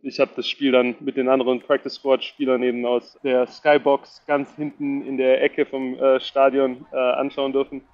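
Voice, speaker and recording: A man's voice: medium pitch, little pitch movement, normal speed, few pauses, lo-fi sound. A young man from Germany, a football player, answering interview questions hesitantly with many fillers and repeated words.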